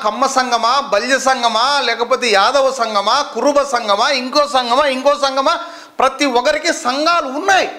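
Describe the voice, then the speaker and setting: Male complainant, very high pitch, impassioned and repetitive delivery. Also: bright, forceful tone. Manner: indignant, rhetorical, repeating his questions. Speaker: citizen complainant at a district office. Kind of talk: impassioned direct-to-camera complaint.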